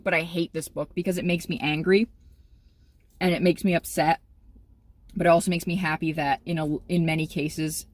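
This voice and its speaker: Emotional rambling young woman vlogger. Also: lowish voice. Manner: rambling, emotional, self-interrupting. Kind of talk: casual vlog monologue.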